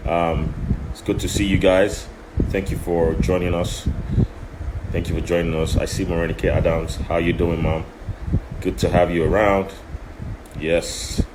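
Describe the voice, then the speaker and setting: Deep-voiced man hosting a live online chat. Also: little pitch movement, very noisy. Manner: repetitive, upbeat greetings, drawn-out phrasing. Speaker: host.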